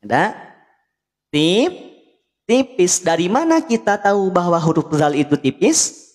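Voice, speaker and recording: A man's voice: high voice, expressive, unhurried, a little mellow, in a large hall. A man teaching Quran recitation in a live online lesson. He patiently checks that viewers understand and chants the sounds himself to demonstrate them.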